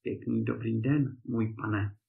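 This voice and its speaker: A man's voice: lowish voice, steady tone, creaky, narrow, tinny audio, voice pushed down. A man voicing a cheeky young trickster with an innocent, mock-polite manner, in a storybook reading in an echoey room.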